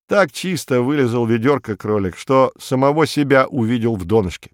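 A man's voice: mid-range voice, normal speed, no echo, clean studio sound. Man reading a folk tale expressively. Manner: expressive, lively storytelling voice. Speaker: storyteller.

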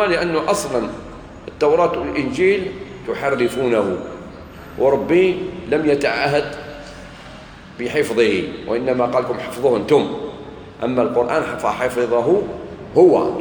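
A man from Algeria with an Algerian Arabic accent, preaching a sermon lecture and telling stories with acted-out dialogue. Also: medium pitch. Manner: animated storytelling, acts out dialogues. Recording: echoey hall, faint background noise.

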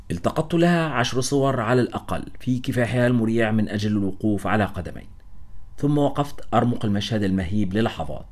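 A male audiobook narrator telling a first-person adventure story. He reads briskly at a middling pitch. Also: a little mellow. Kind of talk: scripted narration.

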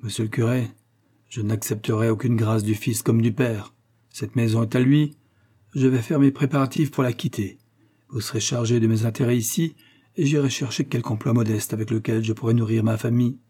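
A man reading a storybook, voicing a proud, impoverished old nobleman who shouts in furious, impassioned outbursts. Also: mid-range voice, steady tone, fairly quick, slightly rough, lightly acted. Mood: bitter.

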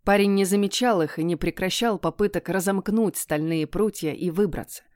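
A woman narrates a first-person fantasy story in a hushed, tense reading voice. Her pitch sits in a comfortable middle range, and the recording is dry and close with no room sound. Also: moderate pace, no room sound. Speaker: audiobook narrator.

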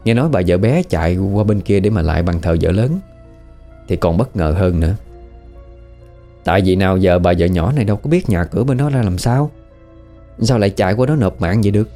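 A man with a Southern Vietnamese accent tells a spooky tale in a low, warm voice. He talks casually and turns to the listener with questions, over faint background music. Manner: chatty, conversational, asks the listener questions. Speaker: storyteller. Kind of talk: casual spoken horror storytelling.

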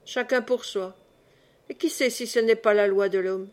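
A woman's voice: fairly high pitch, steady tone, normal speed, lightly acted. A woman reading the part of an old man who speaks in exalted, declamatory prophecy. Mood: somber. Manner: solemn, declamatory.

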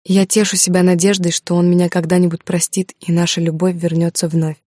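Woman, audiobook narrator, romance novel, flat delivery, dry close sound. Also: on the low side, a little fast, no echo.

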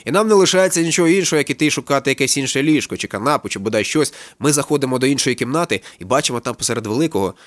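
Brisk male audiobook narrator. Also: mid-range voice, no echo.

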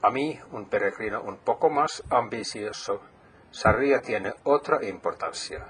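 A man's voice: lowish voice, unhurried, fairly bright tone, husky. A middle-aged man from Finland, whose first language is Finnish, interviewing a guest in careful, slightly broken phrasing. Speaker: podcast host, interviewer. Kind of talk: casual interview.

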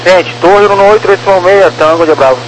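Guy on the tower radio, clipped controller talk, slightly high voice, hissy static channel. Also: quick pace. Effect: two-way radio transmission. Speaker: air traffic controller.

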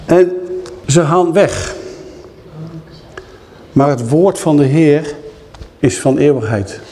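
A man's voice: fairly high pitch, animated, takes it slowly, dark tone, slight background noise. Conversational preacher man in reverberant hall. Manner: conversational, frequent tag questions. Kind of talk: sermon.

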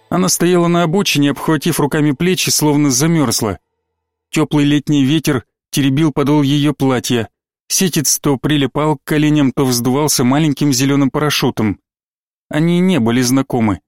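Brief: male audiobook narrator, measured, slightly high voice. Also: no room sound. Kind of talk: scripted narration.

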